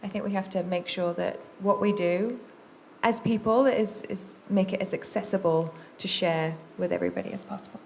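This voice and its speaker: A woman's voice: mid-range voice, steady tone, normal speed, gravelly, a little mellow, a little hiss or hum. Sincere woman academic on a panel. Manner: sincere, reflective. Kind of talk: panel answer.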